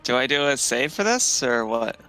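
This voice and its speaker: A man's voice: medium pitch, big pitch swings, sharp tone, smooth, faint music behind. A man playing a tabletop game over a call, chatty and giggly between his turns. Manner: giggly, quick asides. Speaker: player.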